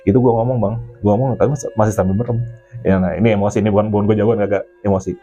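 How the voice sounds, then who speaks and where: A man with telling a mountain ghost story in casual chat, animated and swearing, acting out the voices of the people in it. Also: lowish voice, rapid-fire, muffled recording, faint music behind. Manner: animated, acts out his own and others' quoted lines; swears casually, keeps addressing the listener as Bang.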